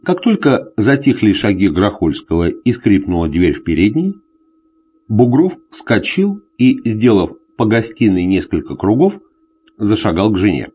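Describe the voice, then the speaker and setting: A man narrating a classic short story in an expressive storytelling manner. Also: lowish voice, husky, lo-fi sound. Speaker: audiobook reader. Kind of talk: scripted narration.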